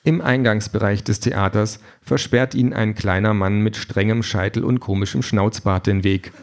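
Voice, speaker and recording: A man with a low voice reads a comic story aloud as audiobook narrator. His storytelling is dry and even, with scripted delivery. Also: moderate pace.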